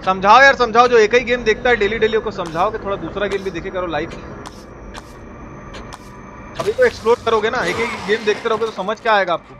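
An Indian game streamer with a Bihari accent gives casual, colloquial live commentary on his gameplay, swearing along the way over a clearly noisy background. His voice sits high and moves a little fast.

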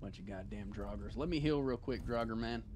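A man's voice: on the low side, normal speed. A young man giving casual, profane gameplay commentary, joking and talking trash to the enemies he fights. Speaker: gaming video host. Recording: steady background noise.

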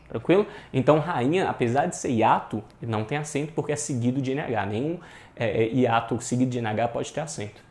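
A man's voice: medium pitch, brisk, darkish tone. Emphatic Brazilian male grammar teacher. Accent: Brazilian Portuguese. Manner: addresses viewers often, repeats rules emphatically. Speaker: exam prep teacher. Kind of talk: online grammar lesson. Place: online class.

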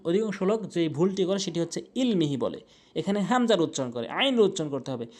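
A man teaching Quranic recitation rules, explaining mistakes briskly and chanting the verses slowly with long drawn-out vowels. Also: high-pitched, big pitch swings. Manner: repeats corrections, contrasting wrong and right pronunciation. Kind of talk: tajweed lesson with chanted recitation.

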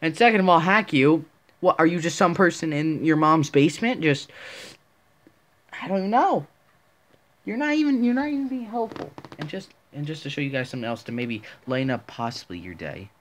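A man's voice: on the high side, animated, fairly quick, fairly bright tone. A man making a casual commentary video, rambling and indignant, often restarting his sentences. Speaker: small online video creator.

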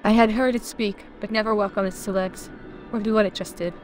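A woman voicing a frightened, trembling old grandfather, speaking in a tearful, breathy way. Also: medium pitch, steady tone, brisk, lightly acted.

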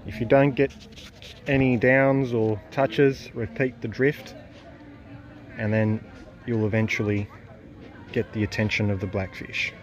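A man's voice: on the low side, fairly even intonation, a little slow, pauses often, lo-fi sound. A man in his thirties with an Australian accent, talking through a fishing trip in a casual vlog and praising every catch with enthusiasm. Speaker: fishing vlogger. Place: parked car, then outdoors on a river jetty.

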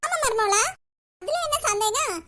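Woman doing a shrill Kanyakumari mother-in-law. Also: expressive, a little slow, slight background noise, exaggerated voice. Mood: confiding. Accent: Kanyakumari Tamil. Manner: scolding, loud and blunt. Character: scheming village mother-in-law, older woman. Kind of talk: cartoon voice acting.

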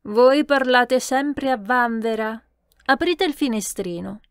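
A woman's voice: a little high, lively intonation, takes it slowly, clean tone, no room sound, voice pushed up. Woman voicing an imperious old countess. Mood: peevish. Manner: commanding, peevish, raised voice. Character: imperious elderly countess, fussy and scolding.

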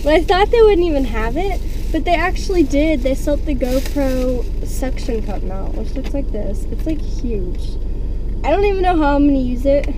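High-voiced teen girl vlogging in a car. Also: expressive, normal speed. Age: teens. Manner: chatty, rambling, fillers like "like". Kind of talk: casual car vlog. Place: inside a parked and moving car. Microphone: dashboard camera mic. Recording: distant, dull lo-fi camera mic with loud car noise. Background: loud car engine and road noise.

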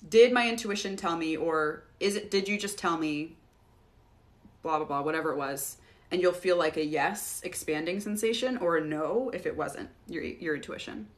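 A woman hosting a casual live Q&A, relaxed and chatty, often laughing as she answers viewers. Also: on the low side. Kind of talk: casual livestream Q&A.

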